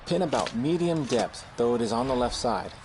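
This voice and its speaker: Male golf commentator, played by an actor, on-course reporting, video game, matter-of-fact, mid pitch, clear ambient noise. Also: animated, moderate pace, close to an everyday voice.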